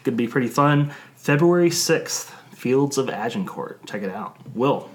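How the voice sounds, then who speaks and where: A man's voice: medium pitch, lively intonation, normal speed. A man co-hosting a board game podcast in a playful, joking way. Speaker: podcast co-host. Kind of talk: casual board game chat.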